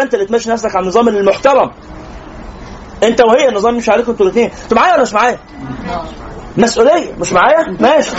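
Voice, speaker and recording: A man's voice: sits high, dull audio. A man with an Egyptian accent preaching to young people, joking and teasing the audience as he tells stories. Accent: Egyptian Arabic.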